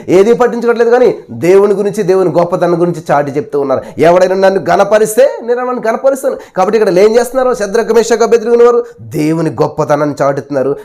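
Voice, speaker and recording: High-voiced preacher, hushed hallelujahs. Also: male voice. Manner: rhetorical questions, repeated hallelujahs; dramatic swings between loud and hushed. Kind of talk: sermon.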